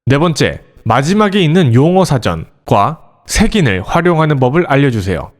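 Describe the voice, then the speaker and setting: A man hosting an education channel, giving a scripted, animated explainer aimed directly at parents. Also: a little high. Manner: lively, animated delivery addressing parents directly.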